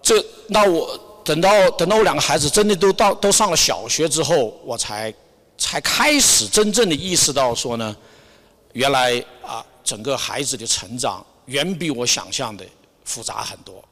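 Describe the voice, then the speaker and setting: At church, a middle-aged man shares a Sunday testimony informally, hesitating and searching for words while mixing in English. His medium-pitched voice is lively in intonation, moderately paced, and a bit bright, recorded with long hall reverb.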